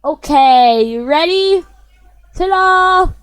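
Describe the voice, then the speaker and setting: A woman voicing a sassy, prickly teenage schoolgirl who talks loud and bratty. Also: fairly high pitch, sing-song, measured pace, dry recording, low-quality recording.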